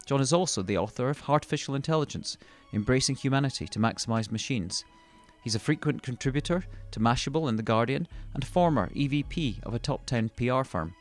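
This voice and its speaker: A man hosting a podcast, asking interview questions in a measured, formal way. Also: mid-range voice. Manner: measured and formal when introducing. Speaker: podcast host. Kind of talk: scripted introduction and interview questions.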